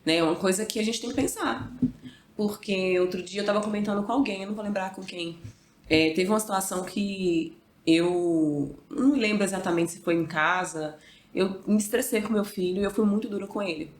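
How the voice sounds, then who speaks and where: A woman's voice: medium pitch, brisk. A woman in her thirties, a mother, talking reflectively in a casual chat. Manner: reflective, animated when quoting others. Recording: echoey room.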